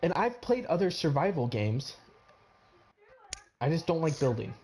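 A man's voice: on the high side, sing-song, a little slow, a little mellow, a little hiss or hum. A man ranting in casual banter with friends, exasperated and mocking. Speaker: co-host.

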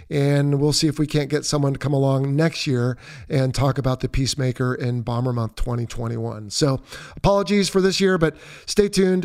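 A man of fifty hosting a podcast, answering listener mail in a relaxed, joking way. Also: on the high side. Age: 50s. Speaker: podcast host. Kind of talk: reading listener questions and answering.

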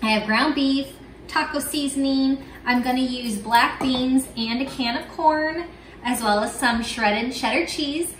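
Speaking high-pitched and a little slowly, a young home cooking vlogger gives an upbeat, plain step-by-step recipe demo. A camera set back from her captures the echoey kitchen and its faint hum.

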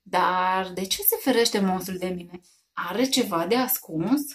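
A woman voicing a small, scared but brave boy in a storybook reading, eager and excited. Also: on the low side, a little hiss or hum, close to an everyday voice. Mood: giggly.

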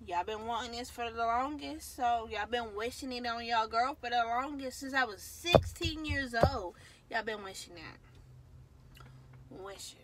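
A woman's voice: a little high, a little slow, noisy background. Chatty young woman vlogging from a car. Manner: chatty, trails off with "so, yeah", drops to a mumble. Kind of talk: casual vlog chat. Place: parked car. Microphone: phone camera held close.

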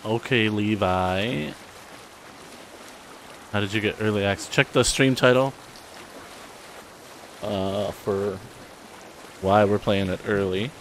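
Deep-voiced laid-back gamer. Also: male voice, slow, long pauses, slight background noise. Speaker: let's play host. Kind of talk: casual gameplay commentary.

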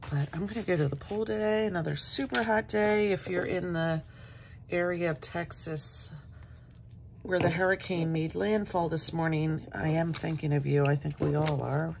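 A woman's voice: low-pitched, steady tone, moderate pace, creaky, darkish tone, slight background noise. A middle-aged woman in her home craft room, chatting casually and rambling as she works on a journal page, with a morning voice. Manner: chatty, rambling, talks while working. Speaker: craft channel host.

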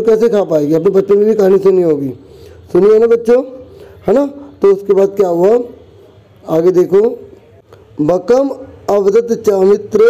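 A man with a high voice and a very mellow, dark tone teaches children in a recorded lesson. He explains step by step and keeps checking in with questions. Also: poor audio. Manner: explanatory, asks the children questions and says "ठीक है" often.

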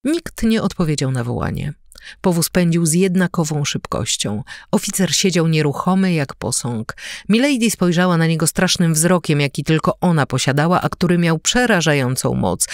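Female audiobook narrator, lively varied pitch, dry close sound. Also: normal speed, no room sound. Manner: expressive, varied reading.

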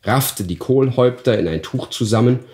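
A man reads an old fairy tale aloud with theatrical expression, his voice rising and falling in lively curves. The pitch sits in a middle register. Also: normal speed, a little hiss or hum. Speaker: actor reading aloud.

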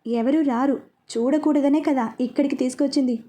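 A woman's voice: high-pitched, steady tone, normal speed, mellow, natural voice. A woman voicing a playful young man in love, teasing his girlfriend in a read-aloud story.

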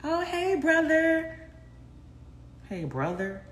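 Speaking slowly but with great animation, a young woman with a high-pitched voice hosts a casual phone livestream from her home kitchen. She laughs often, swears freely, and talks candidly with viewers, and the arm's-length phone picks up kitchen echo and faint noise.

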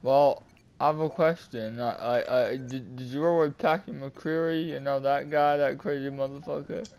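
A man's voice: mid-range voice, fairly even intonation, normal speed, a little mellow, rough recording. A laid-back man in an improvised game roleplay who stammers and restarts as he asks questions.

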